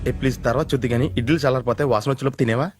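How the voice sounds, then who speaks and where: An actor playing a cheeky young nephew who answers everything with quick wisecracks in a film comedy. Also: male voice, medium pitch, steady tone, music in the background, close to an everyday voice.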